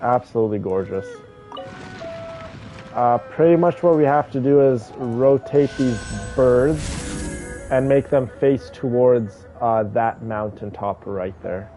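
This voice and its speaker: A man with a dark tone and medium pitch speaks slowly while livestreaming a game, chatting enthusiastically and informally to those watching. The audio is dull and band-limited, and music can be heard behind him.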